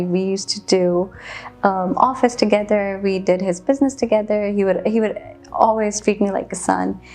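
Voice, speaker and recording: A woman's voice: mid-range voice, creaky, warm tone. A Pakistani woman in her twenties talking as an interview guest, chatty, laughing often and switching between English and Urdu. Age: 20s. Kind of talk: conversational interview.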